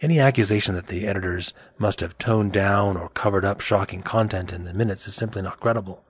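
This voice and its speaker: Low, husky man reading formally. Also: dry recording. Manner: scholarly, formal, measured delivery. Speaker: book reviewer reading his review. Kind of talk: scripted formal read-aloud.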